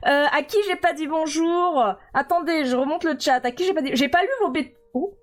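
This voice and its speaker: A woman's voice: high voice, normal speed. A woman streamer chatting live with her viewers, playful and exclaiming, pleading with her chat in mock despair.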